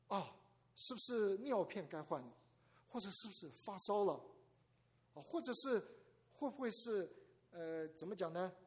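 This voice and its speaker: Older guy preaching, pretty high voice, super animated up and down, keeps asking the crowd questions. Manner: animated storytelling, asks the audience questions and acts out scenes. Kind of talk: sermon.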